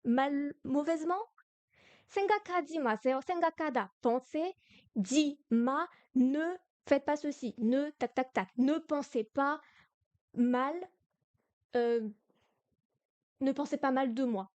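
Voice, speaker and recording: A woman teaching a beginner Korean lesson in French on a live stream, explaining slowly, repeating words and correcting herself. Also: sits high, darkish tone, dry recording.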